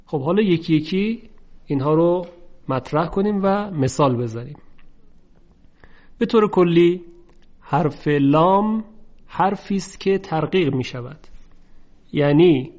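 Male recitation teacher, measured and methodical, drawn-out chanted examples, somewhat higher voice, muffled lo-fi sound. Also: animated, darkish tone. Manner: slow, careful, repeats example words in drawn-out chanting. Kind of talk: tajweed lesson. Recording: dull lo-fi recording.

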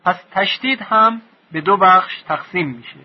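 Male recitation teacher, slightly high and husky, slow and deliberate, lo-fi radio sound. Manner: slow, deliberate, stresses each sound when giving examples. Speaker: Quran reading teacher. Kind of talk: recorded lesson.

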